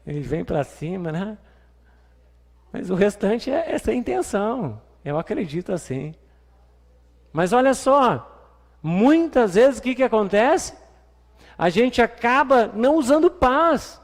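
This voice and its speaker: A man's voice: high-pitched, sing-song, slow, pauses often. A man with a Brazilian Portuguese accent preaching a sermon in a church, chatty and playful, asking the congregation questions. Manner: conversational preaching with playful asides and acted quotes. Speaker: pastor. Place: church hall. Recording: reverberant church hall.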